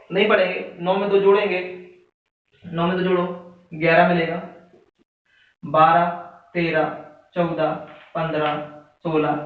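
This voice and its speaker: Male maths teacher, high voice, counts aloud step by step; far from the mic in an echoey room, phone-like sound. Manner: counts aloud step by step, asks students questions. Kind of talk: classroom lesson explanation.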